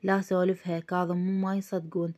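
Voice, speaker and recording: A man's voice: high-pitched, little pitch movement, fast talker, darkish tone, close to an everyday voice. A woman voicing an impatient, scoffing Iraqi man in Iraqi Arabic.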